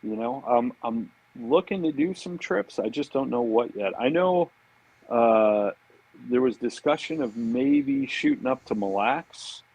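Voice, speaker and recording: As a laid-back podcast guest, this American fishing industry marketer talks informally and keeps repeating words of agreement. His voice is medium in pitch, expressive and unhurried, a little mellow with a breathy edge, recorded roughly but with no room sound.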